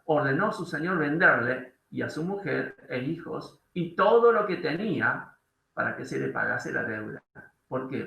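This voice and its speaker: A man's voice: on the high side, gravelly, pushed and bright. A man with an Argentine accent, preaching a sermon in a church hall, reading scripture aloud and explaining it, with questions to the congregation. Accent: Argentine Spanish. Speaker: pastor.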